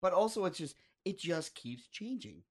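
Male podcast host, higher register, loose and jokey. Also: very animated. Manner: joking, quick to riff and exaggerate. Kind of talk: casual conversation.

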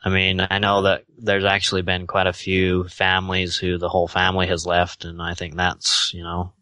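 A man with a Utah accent giving casual, halting, tentative answers as an interview guest. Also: low voice, completely flat delivery, bright, forceful tone, smooth, no echo.

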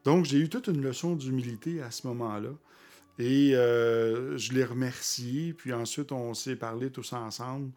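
Québécois man telling stories haltingly. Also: mid-range voice, darkish tone. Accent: Québécois French. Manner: halting, with frequent fillers and restarts. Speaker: podcast guest. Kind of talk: conversational storytelling.

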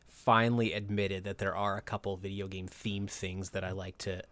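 A man co-hosting a podcast in relaxed, chatty talk with many fillers. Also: low-pitched, normal speed, no room sound. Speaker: co-host. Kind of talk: casual podcast chat.

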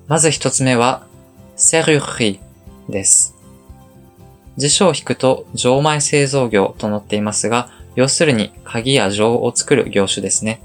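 A man who teaches French, giving a calm, explanatory podcast lesson and spelling words out slowly. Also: mid-range voice.

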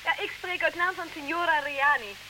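An actress playing a flustered, polite duchess in an old radio play, speaking hesitantly and apologetically. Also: female voice, sits high, fairly quick, sharp tone, rough recording. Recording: hissy old radio recording.

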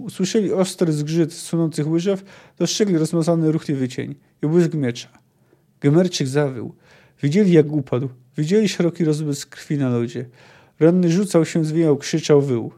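Podcast host, man reading a novel aloud with asides; mellow, slightly higher voice. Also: normal speed. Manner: expressive reading, casual asides.

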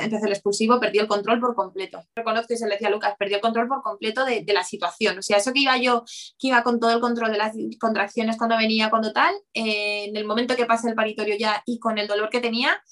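A woman talks through a personal story in a rush, her words tumbling out. Her voice sits a little high, and she keeps circling back with restarts and fillers. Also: fairly bright tone. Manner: rapid, rambling, full of "o sea" restarts. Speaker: interview guest.

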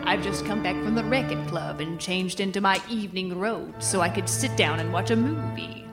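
A woman's voice: on the low side, moderate pace, over music, lightly acted. A woman playing a macabre horror hostess, narrating a scripted audio comedy in an arch, theatrical way. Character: macabre horror hostess addressing her little fright junkies. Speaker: host and narrator.

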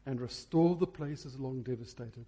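Preaching a sermon, this man uses a mid-range voice that is dark and mellow with a husky grain. He drives his points home deliberately and emphatically, repeating the key words.

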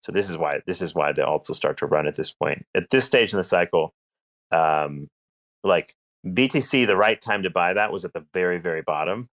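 Man, very low voice, casual chat, rambling explainer, filler words, online audio room. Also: fairly quick, fairly bright tone. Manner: explains market cycles with many filler words. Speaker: speaker in a crypto audio chat.

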